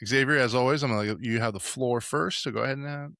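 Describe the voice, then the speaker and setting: A man's voice: mid-range voice, fast, gravelly, sharp tone, no room sound, clean studio sound. A young man hosting a casual sports podcast, talking loosely with lots of fillers and restarts. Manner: rambling, many fillers. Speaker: podcast host.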